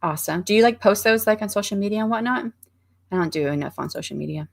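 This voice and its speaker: A woman chats her way through a livestream, greeting viewers and reading their comments aloud. She rambles, restarts sentences and fills pauses with ums. Her voice has a gravelly fry to it. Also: medium pitch, expressive. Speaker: livestream host reading chat. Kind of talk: casual chat.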